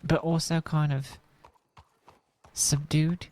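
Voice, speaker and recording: A woman's voice: sits low, flat delivery, slow pace, dark tone. Hesitant woman roleplayer rambling on. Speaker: roleplay gamer. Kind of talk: in-character roleplay chat.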